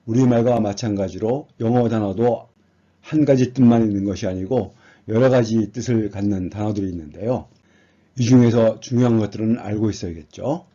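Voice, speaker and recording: A man gives an exam prep lesson, reading words aloud and patiently explaining each one. He speaks very slowly in a husky, mellow voice. The recording sounds dull and lo-fi. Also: mid-range voice. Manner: slow, patient explaining, reading English words then glossing them. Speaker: English teacher.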